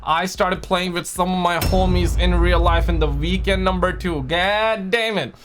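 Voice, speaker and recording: A man's voice: high voice, fairly even intonation, normal speed, a bit bright. A man giving casual reaction commentary as a gaming streamer, slangy and emphatic, often repeating his phrases. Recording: faint music behind. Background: music.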